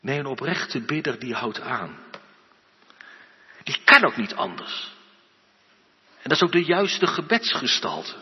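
A man preaching a sermon, slow and earnest, building to emphatic outbursts. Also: medium pitch, very animated, slightly rough. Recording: dull lo-fi recording with long church reverb.

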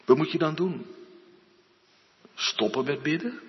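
A man preaching a sermon, slow and earnest, building to emphatic outbursts. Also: on the high side, expressive, slightly rough. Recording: dull lo-fi recording with long church reverb.

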